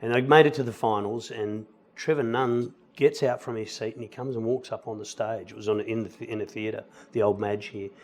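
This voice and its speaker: A middle-aged man talks as a guest in a relaxed interview. He tells anecdotes in an easy, conversational way, slipping into little voices for the people he quotes. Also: fairly low pitch, brisk, hardly any pauses. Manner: animated storyteller, acts out quoted lines. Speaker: musical theatre actor, guest. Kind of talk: casual interview chat, telling anecdotes.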